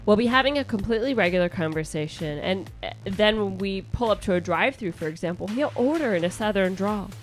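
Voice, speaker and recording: Talking fast with barely a pause, a Midwestern woman hosts a casual comedy podcast, reading out a listener letter and riffing on it. Her medium-pitched delivery is animated and full of restarts and asides, with soft music in the background.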